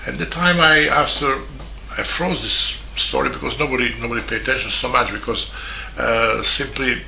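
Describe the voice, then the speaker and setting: A man from Serbia with a Serbian accent, a journalist giving a spoken statement in halting English full of fillers and restarts. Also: medium pitch, creaky, sharp tone, a little hiss or hum. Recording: echoey room with faint ambience.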